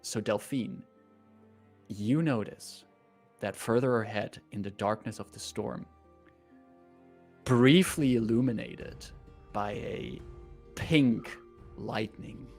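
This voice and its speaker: Guy running a dnd game, improvising the story bit by bit, soft music under him. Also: fairly low pitch, creaky. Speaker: game master. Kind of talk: narrating a tabletop role-playing game.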